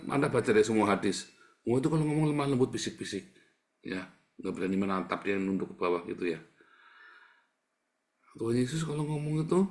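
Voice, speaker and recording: A man's voice: medium pitch, a bit bright. A man preaching a sermon in a conversational, emphatic way, repeating words for stress.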